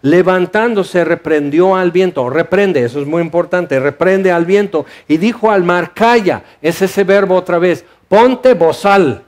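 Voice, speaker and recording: A man's voice: sits high, moderate pace, hardly any pauses. A man preaching a sermon in a church hall, asking rhetorical questions and explaining scripture with animation. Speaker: pastor.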